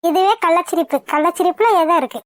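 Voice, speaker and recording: A woman's voice: very high voice, fast talker, dry recording, studio quality. A woman voicing a young, devoted wife in a cartoon, affectionate, pleading and playfully scolding. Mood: teasing. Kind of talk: cartoon voice acting.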